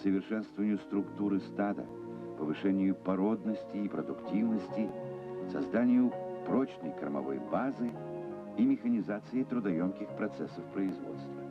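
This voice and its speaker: A man giving formal, measured scripted narration for an old newsreel. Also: sits low. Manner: formal, measured official delivery. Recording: dull lo-fi archival film sound with music.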